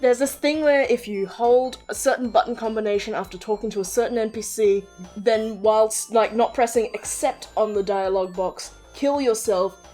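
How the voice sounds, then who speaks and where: Hosting a quiz on game characters for her partner, this woman chats enthusiastically and casually, swearing freely as she explains the game's lore. Her medium-pitched voice is a little mellow, and music plays underneath.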